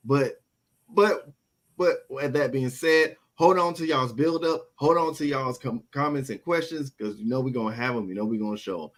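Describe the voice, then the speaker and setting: A man's voice: mid-range voice, normal speed, poor audio. A man co-hosting a casual wrestling review show, often restarting and repeating words as he talks. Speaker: podcast co-host.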